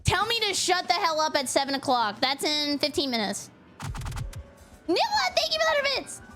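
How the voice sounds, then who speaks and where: A woman streamer chatting casually with her viewers, giggly and excitable, laughing often and thanking donors. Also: sits high, normal speed, faint music behind. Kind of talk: casual live-stream chat.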